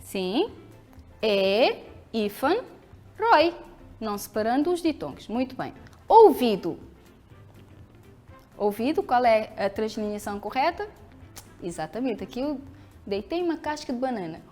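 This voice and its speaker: A woman teacher with a European Portuguese accent, giving a televised school lesson, speaking clearly and patiently, asking the pupils questions and answering them herself. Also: a little high, sing-song, normal speed, pauses often, dark tone, faint music behind.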